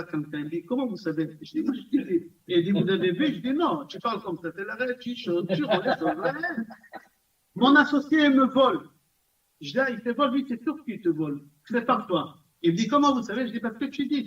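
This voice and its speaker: A rabbi with a high voice gives a lively class in a community center room, repeating points and putting questions to his listeners. He sits well back from the mic, and the recording sounds dull and lo-fi. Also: distant mic. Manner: animated, repetitive, asks the audience questions. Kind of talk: recorded Torah class lecture.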